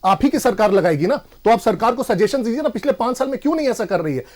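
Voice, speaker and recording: Brief: high-pitched male party spokesperson, forceful TV-debate arguer. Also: animated, fast. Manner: forceful, insistent, refuses interruption. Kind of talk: TV debate argument.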